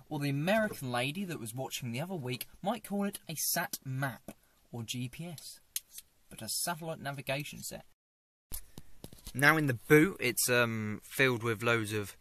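This young adult vlogger jokes dryly from inside his parked small car, speaking to a fixed dashboard camera in a casual car tour. His medium-pitched voice has a bright, forceful tone, and his manner is chatty and self-mocking.

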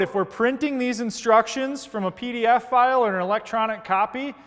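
A fairly high-pitched man in his thirties walks through an installation with steady, methodical instructions. His voice carries a long reverb from a large indoor workshop, picked up on a lapel mic. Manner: steady, methodical step-by-step explaining. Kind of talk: scripted how-to narration.

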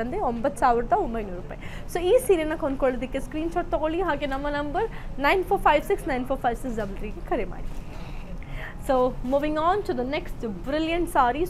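Woman, South Indian accent, high voice, rapid-fire delivery, bubbly live shopping host, mixes languages. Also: slight background noise, low-quality recording. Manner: switches between languages mid-talk. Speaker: live saree sales host. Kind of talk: live shopping sales presentation.

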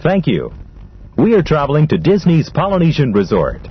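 A man giving polite, measured onboard train announcements in a formal manner. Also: on the high side, huge pitch swings, slightly rough. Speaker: transit announcer. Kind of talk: recorded monorail announcements. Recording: dull lo-fi old recording.

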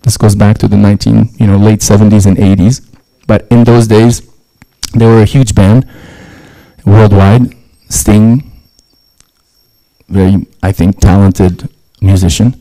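Mellow-voiced man giving a scripture lecture. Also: fairly low pitch, fairly even intonation, unhurried, poor audio. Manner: conversational, frequent restarts and "right?" asides.

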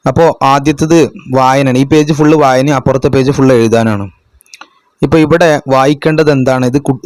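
A man's voice: mid-range voice, darkish tone, no echo. A man teaching a madrasa lesson, patiently walking through exam answers and asking questions he answers himself. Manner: patient, step-by-step, asks and answers his own questions. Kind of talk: explaining an exam answer key.

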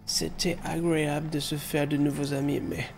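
A man's voice: on the high side, fairly even intonation, normal speed, gravelly, background noise. Man voicing a queasy groaning hobbit. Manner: groaning, rueful. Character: queasy male hobbit companion. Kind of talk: reading quest dialogue aloud.

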